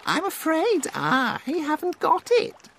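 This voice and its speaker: A friendly storybook cat with a sing-song, mewing way of speaking, as a man voices her. The voice sits very high and leaps around wildly. She drawls slowly, with a gravelly edge. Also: huge pitch swings, fairly bright tone, a little hiss or hum, heavily acted. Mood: apologetic. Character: friendly female house cat.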